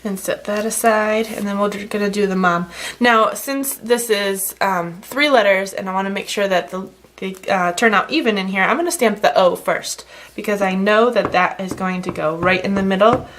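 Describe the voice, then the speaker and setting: A woman's voice: medium pitch, moderate pace, few pauses, slight background noise. A woman giving a casual, chatty card-making tutorial with plenty of fillers, a slight frog in her throat. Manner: chatty, relaxed, many fillers. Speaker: stamping craft demonstrator.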